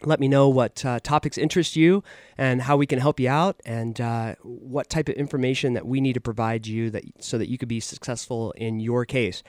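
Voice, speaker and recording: A man's voice: medium pitch, fairly even intonation, normal speed, a little mellow, no room sound. A man hosting a legal advice radio show, explaining things on a close studio mic.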